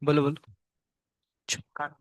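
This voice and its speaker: A male physics teacher giving a live class lecture, firing quick questions at his students and explaining step by step. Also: no room sound. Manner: chatty, scolding then explaining, asks students many quick questions; hums tunes to show wave shapes.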